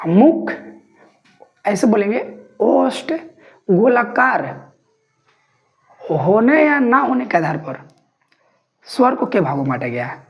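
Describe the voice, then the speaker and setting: Lady teaching grammar real slow, says every bit twice so ppl can write it down. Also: mid-range voice, very animated, creaky. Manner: slow, repeats phrases word by word for note-taking. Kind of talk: dictation-style classroom lesson.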